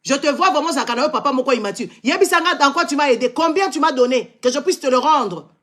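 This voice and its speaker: A Congolese man from the DRC delivers a heated, confrontational rant on a live stream. He scolds over and over and jumps between French and Lingala mid-sentence. His French carries a Congolese accent, and his voice is very high-pitched, expressive, quick and fairly bright.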